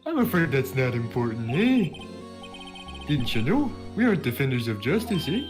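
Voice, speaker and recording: A man's voice: medium pitch, very animated, natural voice. A man voicing a smug, accusing police chief from a video game, with taunting, lecturing delivery. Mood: cold, lecturing. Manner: taunting, drawn-out lecturing with "eh?" tags. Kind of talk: amateur voice-over of a video game. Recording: music over the voice.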